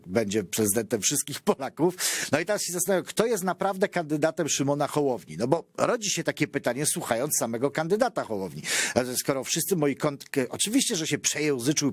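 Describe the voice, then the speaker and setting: A man's voice: a little high, no room sound, studio quality. A man hosting a political commentary show, talking in a chatty, mocking way and often addressing the viewers directly. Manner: mocking, chatty, keeps saying "dear viewers".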